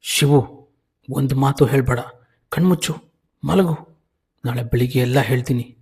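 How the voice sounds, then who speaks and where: A man voicing a stern, protective village father who speaks firmly and in a hush. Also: mid-range voice, a little slow, husky, voice pushed up. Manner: firm, hushed, commanding.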